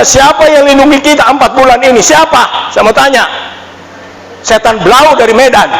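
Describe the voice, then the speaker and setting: A pastor preaching a sermon with an Indonesian accent, emphatic, swinging from loud outbursts to low murmurs. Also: male voice, gravelly, slight background noise. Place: church hall. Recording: church hall reverb, faint ambience.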